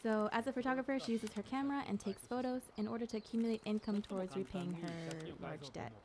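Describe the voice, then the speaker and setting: Female dub narrator, mid-pitched, casual developer-style commentary over gameplay. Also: quick pace, crowd noise. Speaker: English dub narrator speaking a game director's commentary. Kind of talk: casual walkthrough commentary on a video game.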